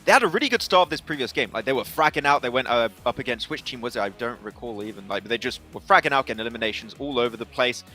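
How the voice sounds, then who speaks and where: A man giving quick, animated analysis at an esports desk, with frequent restarts. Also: medium pitch, faint music behind.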